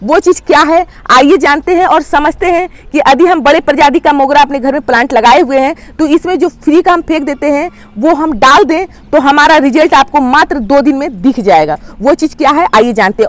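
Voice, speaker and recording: A woman hosting a gardening channel, calmly explaining plant care step by step and addressing viewers as friends. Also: high voice, brisk, few pauses. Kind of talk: instructional how-to talk.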